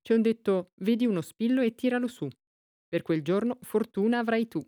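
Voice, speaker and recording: A woman voicing a calm, shrewd elderly female amateur detective in an audiobook, speaking quietly. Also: fairly high pitch, brisk, dry recording, clean studio sound, voice pushed up, lightly acted. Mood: calm, dry.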